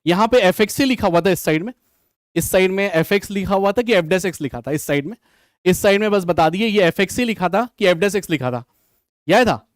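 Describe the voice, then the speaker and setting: A man's voice: high-pitched, lively intonation, a little fast, no room sound, clean studio sound. A man teaching maths in Hindi with English terms, solving an exam question live and talking straight to his students. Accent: Hindi mixed with English maths terms. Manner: addresses students directly, reads comments, thinks aloud. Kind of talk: live online exam solution class.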